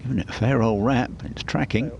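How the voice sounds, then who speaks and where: A man's voice: medium pitch, fairly even intonation, brisk, gravelly, noisy background. A man giving conversational golf commentary as an analyst, chatting appreciatively through each shot.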